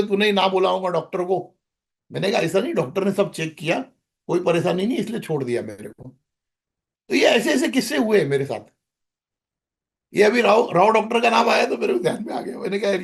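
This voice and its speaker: A man's voice: high-pitched, vocal fry. A middle-aged man, a podcast guest, telling a rambling story in casual conversation, with many restarts.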